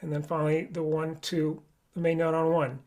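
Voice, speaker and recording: A man's voice: fairly high pitch, completely flat delivery, moderate pace, over loud music. A man teaching a live online flute lesson, explaining each step patiently.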